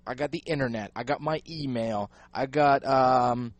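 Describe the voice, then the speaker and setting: Joking New radio host. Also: male voice, mid-range voice, normal speed, no room sound. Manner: animated, joking, says dude a lot. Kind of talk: loose casual radio banter. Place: radio studio. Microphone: headphone mic.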